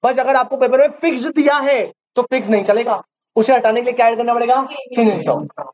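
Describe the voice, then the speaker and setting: A man's voice: extremely high pitch, brisk, darkish tone. A man teaching commerce to a live class. He keeps quizzing the students and repeats the key terms back to them. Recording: dull lo-fi audio with faint hiss.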